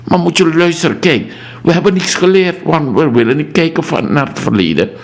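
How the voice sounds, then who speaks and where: A man's voice: a little high, brisk. A man with a Surinamese Dutch accent hosting a political call-in radio talk show, emphatic and reading out listener messages.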